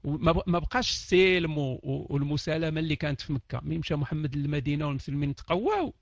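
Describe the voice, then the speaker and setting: A Moroccan man with a Moroccan Arabic accent hosts a casual online chat in a quick, lively, joking manner. His voice sits high for a man. The sound is dry and a little dull, as if from a basic computer mic. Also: creaky, dry recording. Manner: animated, joking, laughs often. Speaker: online talk host. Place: at home behind a PC.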